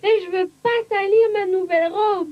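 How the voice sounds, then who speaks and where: Squeaky high fussy little girl, cartoon style, muffled tape. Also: fairly even intonation, moderate pace, a crowd in the background. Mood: fussy, reluctant. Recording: dull lo-fi VHS tape audio.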